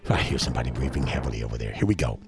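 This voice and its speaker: A man's voice: extremely low pitch, animated, rapid-fire, background noise. A man hosting a comic radio call-in show, boisterous and wisecracking. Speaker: radio host.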